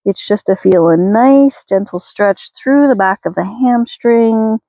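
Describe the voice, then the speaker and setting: Female yoga teacher, careful and unhurried, mid-pitched voice, guiding gentle movement in a dry recording. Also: no echo, low-quality recording. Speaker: yoga instructor. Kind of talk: guided slow gentle yoga class.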